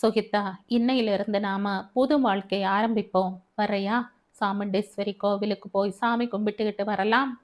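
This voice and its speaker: A woman's voice: mid-range voice, steady tone, moderate pace, close to an everyday voice. Woman reading as a scheming cruel husband. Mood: sweet-talking. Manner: shifts between cold orders and tearful sweet talk. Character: manipulative abusive young husband, scheming and false. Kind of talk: audiobook narration.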